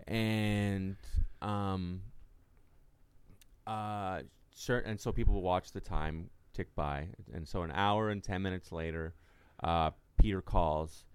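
A man chatting casually and at length in a halting, rambling way, often acting out quoted exchanges as he tells anecdotes. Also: low-pitched, steady tone, smooth, dry recording. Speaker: podcast co-host and solo stage performer.

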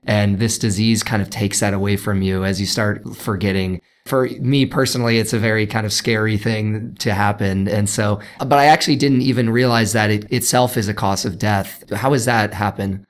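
A man with a low, gravelly voice co-hosts a podcast. He sounds hoarse, as if his voice is shot, and talks in a casual, chatty way. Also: steady tone, normal speed, few pauses. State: hoarse, voice worn out from karaoke. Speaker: podcast co-host.

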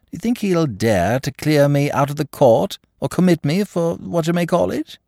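A man voicing a chatty, gossipy elderly duchess who changes subjects in quick asides. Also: a little high, expressive, vocal fry, a little mellow, no room sound, clean studio sound, pitched above the performer's own voice.

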